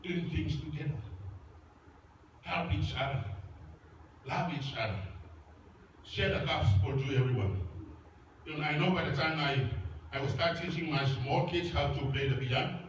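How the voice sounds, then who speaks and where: A Samoan pastor preaches a sermon in English, his second language, with a Samoan accent, using simple, emphatic, repeated phrases. His voice is a little high, at normal speed with frequent pauses. Recorded from far off in an echoey church hall, there is slight background noise.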